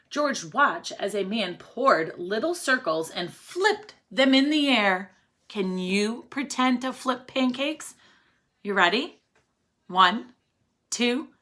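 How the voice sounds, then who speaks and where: Reading a story expressively to young children, this teacher has a slightly high voice with a fairly bright tone. She keeps prompting the kids with questions and counts along with them.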